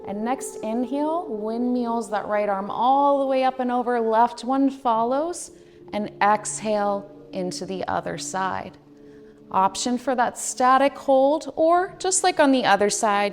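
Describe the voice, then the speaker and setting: A woman in her thirties guiding a somatic yoga meditation as instructor, in a gentle, measured, soothing manner with drawn-out phrases. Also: fairly high pitch. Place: indoors, decorated studio room. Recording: reverberant hall sound with faint music. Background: faint music.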